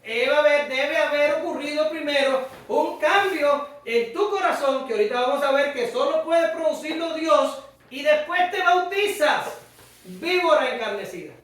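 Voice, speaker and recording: A Cuban man with a Cuban Spanish accent preaches an emphatic sermon, often raising his voice to a shout. His voice sits very high for a man. He sounds distant from the mic in a strongly echoing church hall. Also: moderate pace. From Cuba. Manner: emphatic, shouting at times, addresses the congregation directly. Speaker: pastor.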